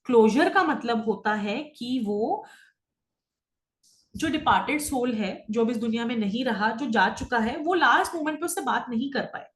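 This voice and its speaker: A middle-aged woman teaching an online spiritual class, talking fast and often checking that her students follow. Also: on the high side, animated, echoey room. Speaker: Akashic records teacher. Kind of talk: online class lecture, Hindi-English mix.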